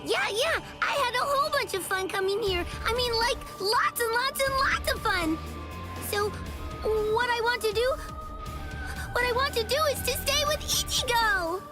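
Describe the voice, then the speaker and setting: Casting: tiny excitable anime game girl, very high squeaky voice, childish and eager, music underneath. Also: moderate pace. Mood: eager excitement. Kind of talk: anime game dub acting.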